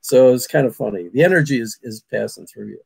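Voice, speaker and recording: A paranormal investigator tells a long story on a video call, rambling casually, repeating words and addressing listeners as "people." His mid-range voice is brisk and a little mellow, with vocal fry and a breathy edge, and there's no room sound.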